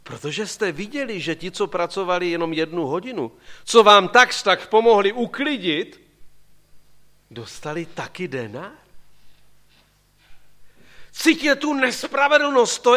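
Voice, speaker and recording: A man preaching a sermon, asking his listeners questions and pulling them into the story. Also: sits high. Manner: animated, questioning the congregation directly.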